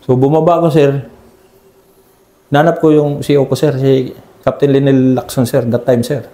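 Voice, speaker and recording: Deferential soldier telling a war story. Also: male voice, mid-range voice, flat delivery, moderate pace, dark tone, roomy sound. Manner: deferential, ends nearly every phrase with "sir". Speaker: army scout ranger team leader. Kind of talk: conversational war story interview.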